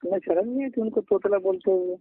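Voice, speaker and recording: An Indian man with a high-pitched voice comes through a thin, dry phone line. He argues back defensively, cutting in with short retorts. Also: fast talker, dry recording. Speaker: caller in a debate. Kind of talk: heated phone argument.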